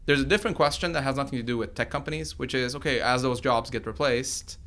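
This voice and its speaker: A man in his forties, born in Iran and raised in Sweden, answers interview questions as a tech company founder and computer science researcher. He talks fast in a mid-range, fairly bright voice, explaining things informally, with slight background noise.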